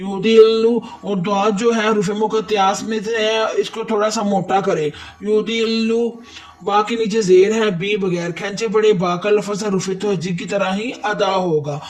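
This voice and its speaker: A man's voice: high-pitched, recorded from a distance. A man teaching Quran recitation rules step by step, patiently repeating each word for drilling. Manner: patient, methodical, repeats words slowly for drilling. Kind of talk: step-by-step tajweed lesson.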